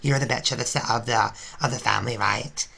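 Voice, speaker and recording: A woman's voice: a bass voice, steady tone, fairly quick, gravelly, pushed and bright, heavily acted. A woman voicing a brash, gossipy female Flareon reality star, ranting sarcastically in a confessional-style fan drama. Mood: catty. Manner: indignant, sarcastic ranting with restarts.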